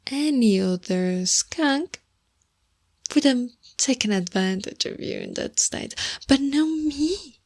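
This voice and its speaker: A high-pitched, gravelly Italian woman heavily acts out an ASMR role as a sweetly threatening, obsessive goth girlfriend. Soft and cooing, she turns coaxing and possessive, often lowering to whispers.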